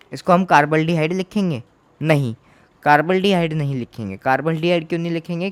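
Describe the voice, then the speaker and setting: A fairly high-voiced man teaches chemistry in Hindi, walking through each problem step by step. He asks a question and then answers it himself, and he repeats each term several times so it sticks. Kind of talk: Hindi classroom lecture.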